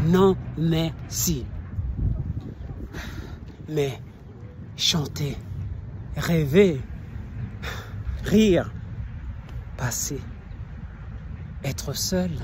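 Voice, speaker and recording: A man's voice: fairly high pitch, darkish tone. A male actor playing a proud, scornful poet-swordsman, declaiming a theatrical verse monologue in a hammy stage manner. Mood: wistful, proud. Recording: noticeable background noise.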